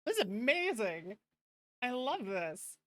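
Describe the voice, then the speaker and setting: A woman streamer chats casually with her viewers, affectionate, effusive and full of thanks. Her voice sits a little high with a sing-song lilt, she speaks slowly, and there's no room sound.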